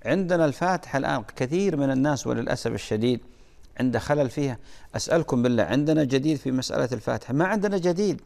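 A man leads a religious lesson, emphatic and corrective as he drills pronunciation. His voice sits at a middle pitch for a man. It rings with the long reverb of a large hall. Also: expressive, very fast, creaky, darkish tone. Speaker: preacher.

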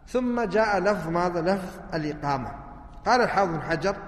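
A religious teacher explains hadith texts, often pausing to ask his listeners a question before answering it himself. His voice sits high for a man. The recording carries a long, roomy hall reverb. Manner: asks rhetorical questions and answers them himself.

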